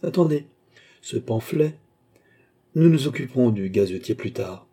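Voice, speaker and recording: A proud young chevalier, clipped and indignant, holding his anger under a thin calm, as a male reader puts him on. The voice is dark and husky, raised a little above the narration. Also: mid-range voice, a little slow, voice pushed up, exaggerated voice. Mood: tense, indignant. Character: proud young chevalier, tense and barely controlled.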